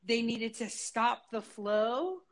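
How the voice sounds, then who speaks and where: A woman's voice: a little high, slow pace, low-quality recording. A young woman in casual chat, telling a story full of swearing and bursts of laughter.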